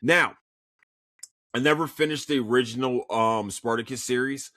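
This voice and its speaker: In a dry, studio-quality recording, a podcast host with a Philadelphia accent talks alone about shows he watched in a casual review chat. His voice sits at medium pitch and normal speed. He's animated and swears a lot, frequently restarting sentences and stammering out repeats.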